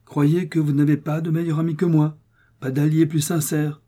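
Male reader as a fatherly old notary, coaxing and slippery, dark husky voice. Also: a little high, little pitch movement, moderate pace, pitched above the performer's own voice, natural voice. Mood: kindly. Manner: soothing then firmly refusing. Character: older male notary, smooth and evasive.

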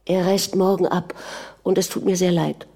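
A woman reading an audiobook, voicing a frightened young princess who pleads with her husband and tries to calm him. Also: lowish voice, normal speed. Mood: pleading. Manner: pleading, soothing.

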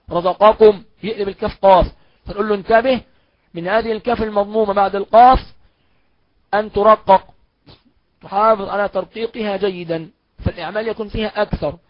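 In a steady, high-pitched voice with an Egyptian Arabic accent, a man leads a recorded Quran recitation lesson, with no echo and the highs cut off. He breaks things down step by step, poses and answers his own questions, and slowly chants each example.

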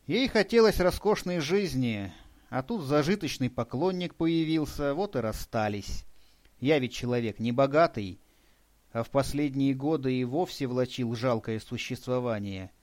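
A man's voice: medium pitch, lively intonation, normal speed, a little mellow. Man reading a story aloud. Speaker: audiobook narrator. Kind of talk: scripted narration.

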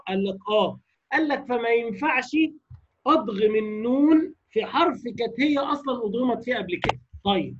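Egyptian man, high husky voice, teaching recitation rules on a dull lo-fi recording. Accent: Egyptian Arabic. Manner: explains then slowly demonstrates recitation, asks the class rhetorical questions. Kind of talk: lecture on tajweed rules.

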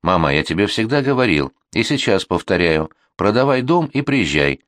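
A man's voice: lowish voice, very animated, normal speed, fairly bright tone, no room sound, studio quality. A man voicing an exasperated middle-aged father in an audiobook reading, talking with tired, firm insistence. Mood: persuading.

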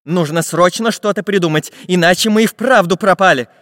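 A man's voice: high-pitched, a little fast, fairly bright tone, no room sound, clean studio sound, big-room sound, voice pushed up. A man voicing a practical little iron tinkerer man who talks in a firm, businesslike way.

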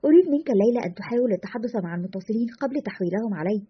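A woman's voice: on the high side, animated, racing, slightly rough, muffled recording. A woman reading a stubborn, rebellious male radio host. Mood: defiant.

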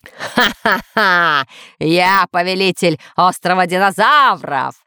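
A woman voicing a boastful masked villain who booms out threats and gloats. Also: animated, slow, sharp tone, clear, resonant tone, no echo, clean studio sound, exaggerated voice. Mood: menacing. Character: boastful masked villain, self-styled ruler of the island.

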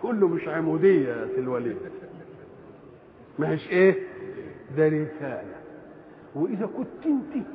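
An older man with an Egyptian accent giving a colloquial religious lesson, asking rhetorical questions and answering them himself. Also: sits high. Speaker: Quran commentator. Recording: tinny lo-fi recording in echoey hall.

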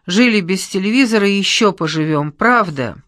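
A woman reader voicing a brash, loud young woman who complains and scolds in a shrill voice. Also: expressive, normal speed, no room sound, studio quality, close to an everyday voice. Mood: teasing.

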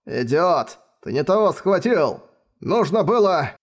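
Man voicing a wounded old-soldier marshal, stubborn, higher strained voice, storybook reading. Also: sing-song, unhurried, exaggerated voice. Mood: exasperated.

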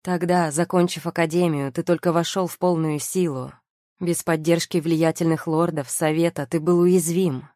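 A cynical, scheming nobleman who sneers and coolly justifies himself, as read by a woman in an audiobook. The voice sits low and mellow. The recording is close and dry. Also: steady tone, normal speed, no echo, natural voice. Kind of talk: audiobook character reading.

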